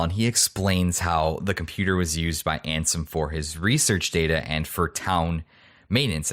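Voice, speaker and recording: A man's voice: low voice, a bit bright. A young man hosting a podcast, casually recapping a story with chatty asides and laughs. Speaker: podcast host.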